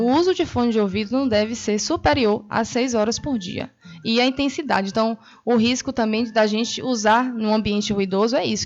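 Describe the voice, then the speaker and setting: Didactic woman speech therapist, lo-fi audio. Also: a little high. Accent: Brazilian Portuguese. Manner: clear, didactic, reassuring. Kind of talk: explanatory interview answers. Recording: dull lo-fi broadcast audio.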